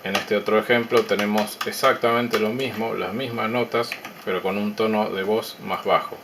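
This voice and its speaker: A man calmly narrating a technical demo of his electronics project in a measured, explanatory way with pauses. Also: on the low side, very noisy.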